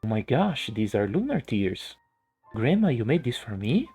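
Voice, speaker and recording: A man voicing a lonely, outcast young woman in a game story, speaking softly and dejectedly. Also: mid-range voice, big pitch swings, moderate pace, slightly rough, faint music behind. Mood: amazed. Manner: soft, dejected.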